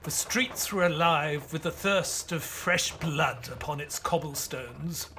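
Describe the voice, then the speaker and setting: An actor playing Dr Watson as an earnest, formal Victorian gentleman in an audio drama. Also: on the high side, a little hiss or hum, exaggerated voice. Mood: grave narrating. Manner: formal, measured storytelling. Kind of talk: audio drama acting and scripted narration.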